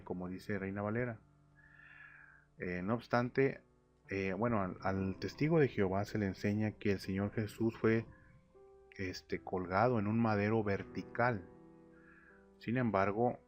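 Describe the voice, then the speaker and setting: A man teaching a narrated Bible slideshow lesson, reading verses aloud and then explaining them with fillers and restarts. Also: on the low side. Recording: lo-fi audio with faint music. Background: faint instrumental music.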